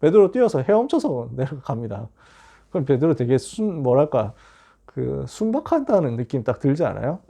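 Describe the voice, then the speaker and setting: A man's voice: mid-range voice, very animated, moderate pace, gravelly, mellow. A man giving a casual sermon to teenagers, retelling Bible stories and acting out the dialogue in chatty, plain speech. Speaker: youth pastor.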